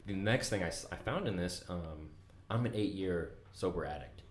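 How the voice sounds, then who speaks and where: A company CEO, appearing as a guest on a casual podcast, speaks in a low, animated voice that sounds reverberant. He comes across as earnest and reflective, pausing often and restarting his sentences.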